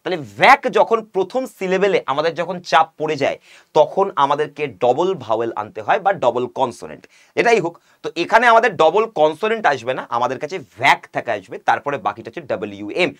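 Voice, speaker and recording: A young man with a Bengali accent gives an exam-prep English lesson in a fairly high voice. He reads each question out slowly, then explains it by asking and answering his own questions. He sounds like an online coaching video. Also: big pitch swings, fairly bright tone. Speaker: English teacher.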